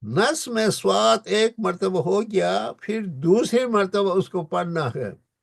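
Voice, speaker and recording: A man teaching Quran recitation in a lecture, explaining pronunciation and drawing out the verses slowly. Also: high voice, creaky, no echo, clean studio sound.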